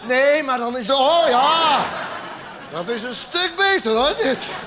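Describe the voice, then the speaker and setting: A man performing a stand-up cabaret monologue on a theatre stage, acting out characters with sudden exaggerated shouts. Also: extremely high pitch, lively intonation, takes it slowly, a crowd in the background. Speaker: comedian. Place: theatre stage with live audience. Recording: live theatre recording, audience laughter, background noise.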